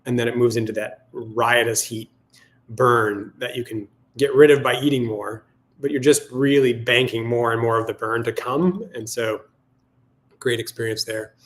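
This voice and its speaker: A man's voice: medium pitch, fairly even intonation. Musing man talking through wine tasting notes. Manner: musing, halting, reflective. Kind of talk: casual sommelier tasting notes, thinking aloud.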